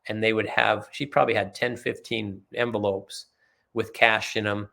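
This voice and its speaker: A man from Utah with a low, gravelly voice. As a podcast guest, he rambles through earnest family anecdotes in a relaxed way, slipping into the voices of the people he quotes. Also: moderate pace. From Utah, USA. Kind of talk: casual storytelling in conversation.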